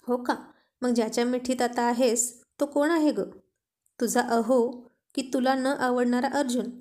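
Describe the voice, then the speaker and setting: Brief: woman narrator voicing a teasing young husband in an audio love story, high and playful. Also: steady tone, measured pace, darkish tone, natural voice.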